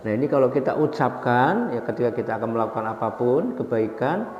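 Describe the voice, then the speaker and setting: A man's voice: lively intonation, a crowd in the background. Man preaching in an echoing hall. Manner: leads the audience in slow chanted recitation; storytelling with rising pitch on stressed points. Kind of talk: sermon to a congregation. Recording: echoey hall, dull sound, faint background noise.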